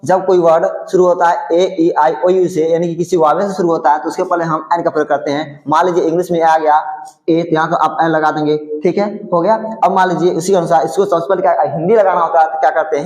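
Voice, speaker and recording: A man's voice: fairly high pitch, roomy sound, rough recording. A male teacher explaining a grammar point step by step, repeating himself and checking in with his students. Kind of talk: whiteboard grammar lesson.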